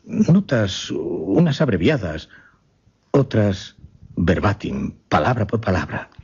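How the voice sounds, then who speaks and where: A male radio drama actor sits low in his range, with big pitch swings and a slightly mellow, breathy, exaggerated voice, as a grave gentleman hypnotist telling of his macabre experiment. He narrates in a measured, solemn, formal way with deliberate dramatic pauses, and the audio is lo-fi and slightly muffled.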